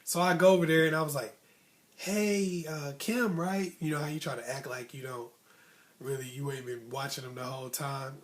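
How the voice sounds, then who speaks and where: In a mid-range voice and at a fast clip, an American storyteller host relates a personal tale. He uses animated, slangy talk and acts out pieces of childhood conversation as he goes.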